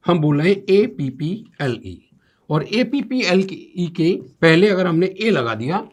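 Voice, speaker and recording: A man explaining English grammar step by step as a teacher, often asking rhetorical questions and reading out English sentences. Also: fairly high pitch. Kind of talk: classroom-style grammar lesson.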